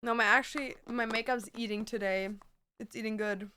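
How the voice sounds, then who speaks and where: A woman's voice: fairly high pitch, fairly even intonation, fairly quick, sharp tone, slight background noise. A woman chatting casually and playfully while getting ready, with a sassy, slangy way of talking. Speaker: livestream host. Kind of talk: casual get-ready-with-me chat.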